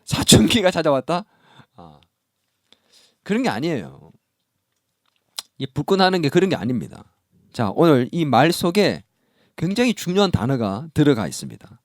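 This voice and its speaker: A man's voice: on the high side, moderate pace, pauses often, no echo, clean studio sound. A man preaching a sermon as pastor, asking the congregation questions and acting out parts of the story. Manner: animated, acts out scolding dialogue, asks the congregation questions.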